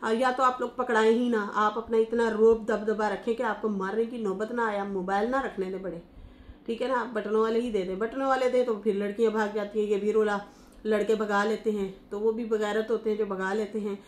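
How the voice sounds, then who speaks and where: A woman talks through celebrity gossip in a loose, chatty way, stopping on fillers and restarting her words. Her voice sits at a middle pitch for a woman. The room around her gives the sound a roomy echo. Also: fairly even intonation, brisk. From Pakistan. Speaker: YouTube commentator. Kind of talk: casual reaction commentary.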